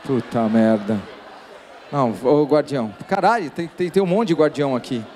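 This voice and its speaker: A man hosting a live comedy hypnosis show, loud, swearing and calling out to the audience on stage. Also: medium pitch, normal speed. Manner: loud, swearing, calls out to the crowd. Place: theater stage. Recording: echoey theater with faint noise.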